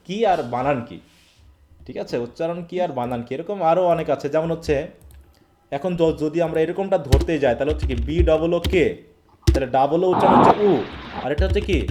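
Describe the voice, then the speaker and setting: With a slightly high yet dark voice and a little hiss or hum on the recording, this Bangladeshi teacher runs a live English class online. He frequently asks questions to make sure students understand.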